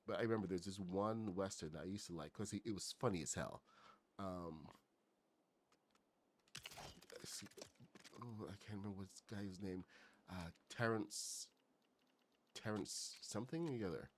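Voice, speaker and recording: Speaking at normal speed in a low voice, a middle-aged Barbadian man chats his way through a building game livestream with slight background noise. The talk is loose and rambling, full of fillers, with loud welcomes for the chat.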